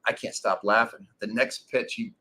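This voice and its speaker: A man in his forties, a former pro ballplayer, telling stories in a relaxed interview with lots of fillers. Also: fairly low pitch, normal speed. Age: 40s. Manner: relaxed storytelling with many fillers. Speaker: guest, former pro baseball pitcher. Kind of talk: casual interview.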